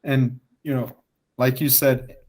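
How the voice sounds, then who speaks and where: A man's voice: mid-range voice, little pitch movement, slow, a little mellow. A man with an ordinary mid-range voice hosts a casual interview. He speaks in loose, meandering sentences full of "you know". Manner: leans heavily on "you know". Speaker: podcast host.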